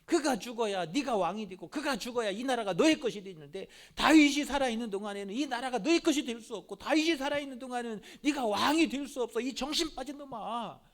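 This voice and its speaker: A man voicing a furious old king who harshly scolds his son with loud, shouting rebukes. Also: very high-pitched, fast, few pauses, pitched above the performer's own voice. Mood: enraged.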